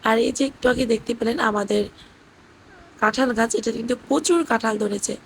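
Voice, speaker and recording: A woman, hoarse from talking, gently narrating a family vlog as a voice-over with occasional fillers. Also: on the high side, moderate pace, slight background noise, rough recording. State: hoarse, voice cracking. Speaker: vlogger narrating family trip. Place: indoors at her parents' house.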